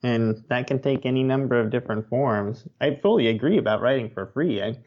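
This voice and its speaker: Speaking briskly at a medium pitch, a man who writes about nature gives relaxed, straightforward answers as an interview guest. The casual conversation comes through on somewhat dull, lo-fi audio.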